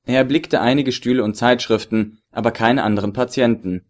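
A man reading a novel aloud in measured, scripted narration. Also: medium pitch, fairly even intonation. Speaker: audiobook narrator.

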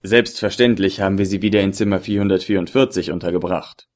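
A man reading an audiobook voices a polite, eager male hotel manager in a lower voice. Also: fairly even intonation, fast, darkish tone, natural voice. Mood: courteous. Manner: courteous, eager.

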